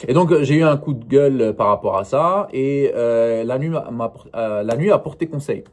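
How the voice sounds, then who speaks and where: A man's voice: medium pitch, expressive, moderate pace, darkish tone. A man talking casually to camera in a vlog, rambling and hesitant, full of fillers and restarts. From not northern France. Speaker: vlogger. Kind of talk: casual solo vlog monologue.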